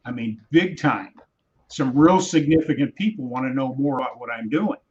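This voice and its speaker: A man's voice: medium pitch, expressive, normal speed, darkish tone, dull audio. A man coaching in a motivational livestream chat, emphatic and repeating his key phrases. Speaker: business coach, guest. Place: home in Wisconsin.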